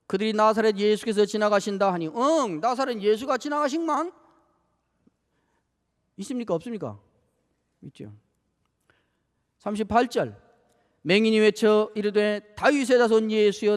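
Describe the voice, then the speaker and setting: A male pastor preaching a sermon, acting out scripture scenes and asking the congregation many rhetorical questions. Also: high voice. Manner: dramatizes scripture, acting out rebukes and pleas. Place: church sanctuary. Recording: long church hall reverb.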